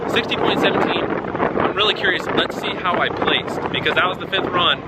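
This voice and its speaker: A young man vlogging casually from his car with an excitable frat-bro way of talking, full of dude slang. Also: high-pitched, moderate pace. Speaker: car vlogger and amateur track driver. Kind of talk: casual vlog chat to camera. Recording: loud car engine and road noise.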